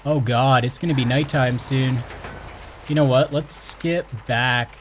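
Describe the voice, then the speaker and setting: A young man from Canada hosting his gaming channel, chatting excitedly and exclaiming as he plays. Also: mid-range voice, unhurried, slight background noise. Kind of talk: casual game commentary.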